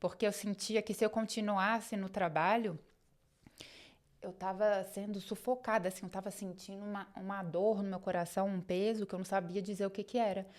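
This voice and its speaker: A woman's voice: medium pitch, fairly even intonation, a little fast, darkish tone. A woman with a Brazilian Portuguese accent, telling a personal travel story in a chatty, rambling way. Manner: chatty, rambling, acts out quoted conversations.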